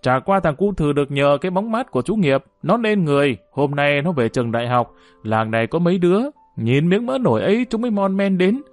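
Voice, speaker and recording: A man voicing a blunt, loud older village man in an audiobook. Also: a little high, expressive, a little fast, no room sound, faint music behind, voice pushed up, natural voice. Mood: scornful.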